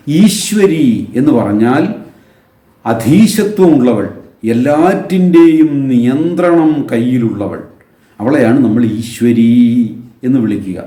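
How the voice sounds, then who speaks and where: A man giving a religious lecture on a Sanskrit hymn, patiently explaining with everyday examples and slowly drawing out the sacred names. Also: mid-range voice, dark tone, echoey room. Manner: slow, drawn-out chanting of sacred names.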